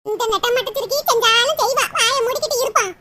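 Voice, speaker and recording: A woman voicing a squeaky bossy mother-in-law. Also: fast talker. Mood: scolding. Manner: scolding, bossy. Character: bossy nagging older village mother-in-law. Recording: loud background noise.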